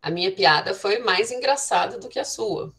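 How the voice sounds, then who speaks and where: A woman teacher with a Brazilian Portuguese accent explaining English grammar in an online class, reading English examples slowly and often checking in with "né". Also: medium pitch, animated, a bit bright. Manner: switches between Portuguese and slow, carefully spoken English examples; frequent filler "né" checking with students.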